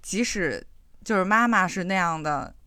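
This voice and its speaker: Chatty woman with a lowish voice. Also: lively intonation, normal speed, pushed and bright. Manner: chatty, many fillers, reflective. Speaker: podcast co-host. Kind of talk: casual chat.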